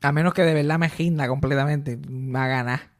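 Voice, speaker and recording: A man with a Puerto Rican accent chatting casually on a podcast, animated and swearing freely, slipping English into his Spanish. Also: a little high, fairly quick. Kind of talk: casual chat.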